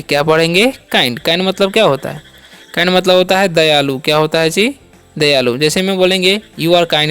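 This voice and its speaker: Man teaching English, high-pitched, smooth clear voice, spells out words, asks and answers his own questions, faint music behind. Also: a bit bright. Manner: ends points with a reassuring check-in. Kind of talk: step-by-step classroom-style lesson.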